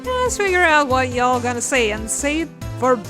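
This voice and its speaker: A woman's voice: high-pitched, big pitch swings, moderate pace, over music. A woman voicing a brash, hot-tempered young country photographer from a video game, with a put-on Southern US drawl. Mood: scolding, indignant. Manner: folksy, scolding drawl.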